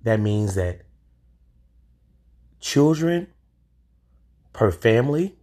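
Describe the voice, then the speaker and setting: In his forties, this male podcast host speaks in a fairly low, mellow voice, stretching out his words and swinging widely in pitch. He runs the show solo and comes across emphatic and opinionated, swearing now and then.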